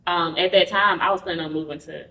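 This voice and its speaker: Woman, podcast guest, frank storytelling, slightly low voice, echoey room. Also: steady tone, fast talker, pushed and bright. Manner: frank, acts out quoted dialogue while recounting. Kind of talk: candid personal storytelling. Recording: roomy, distant mic.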